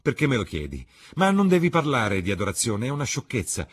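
A charming, evasive young gentleman with a husky edge to his voice and a raised, lively pitch, as a male reader puts him on. He speaks lightly and with emphasis, in an audiobook reading. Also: fairly quick.

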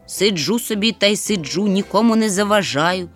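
A woman voicing a grumpy old male muskrat who grumbles in a slow, huffy way. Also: mid-range voice, lively intonation, soft background music, lightly acted. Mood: grumbling.

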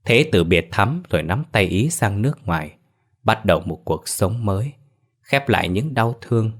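A man narrating a scripted ghost story in a calm, measured storytelling manner. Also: on the low side.

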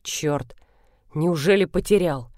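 A woman reads the lines of a blunt young man who rescues a stranger and then sulks about it, using close to her normal voice. His curt, grumbling lines come out short and gruff, pitched low, slow and a little mellow. The recording is close and dry, with no room sound or echo.

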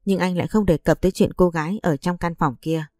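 A woman narrating a first-person story in a steady, plaintive way. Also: fairly low pitch, a little fast, dry recording, clean studio sound.

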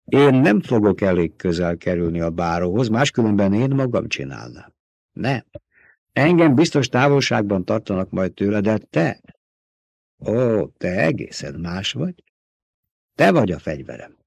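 A man's voice: fairly low pitch, very animated, vocal fry, darkish tone, breathy edge, no echo, full character voice. A man reading an audiobook, voicing an old male doctor turned traitor, feverishly obsessed with revenge, who speaks in an intimate, coaxing way. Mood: intense, confiding.

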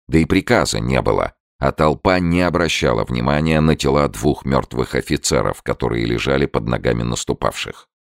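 A man narrates an audiobook in a dramatic storytelling manner. His voice is extremely deep and gravelly, with a lively, varied pitch. The recording is dry and close. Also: no echo.

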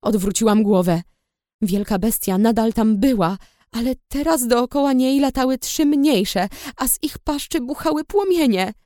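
A woman's voice: fairly high pitch, moderate pace, warm tone, no room sound, clean studio sound. A woman reading a first-person audiobook story in a tense, dramatic way. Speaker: audiobook narrator. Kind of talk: first-person scripted narration.

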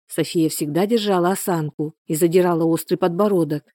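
A woman narrating a first-person audiobook in a measured, steady storytelling manner. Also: on the low side, no room sound, studio quality.

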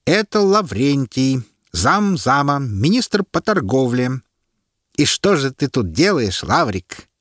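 A man voicing a commanding male herald who runs a public trial, proclaiming loudly and theatrically in an audiobook. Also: mid-range voice, big pitch swings, dry recording, clean studio sound, voice pushed up. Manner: loud, theatrical, drawn-out proclamations.

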